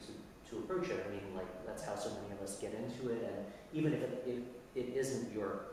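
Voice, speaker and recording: A man from San Francisco answers interview questions in a casual, reflective way, often restarting as he gropes for the right phrase. His somewhat low voice sits back from the microphone on a video call. The room rings with heavy echo and faint hiss. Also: fairly even intonation, fairly quick, a little mellow. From San Francisco, USA. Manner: reflective, searching for words with frequent restarts. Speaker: musician, interview guest. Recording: echoey room, far from mic, faint hiss.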